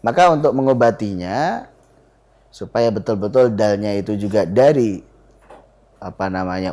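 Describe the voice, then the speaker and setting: A man teaching Quran recitation on a live TV lesson, sounding out letters in slow, drawn-out syllables and leading repeat-after-me drills. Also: mid-range voice, darkish tone. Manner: leads call-and-response drills with a student. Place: television studio.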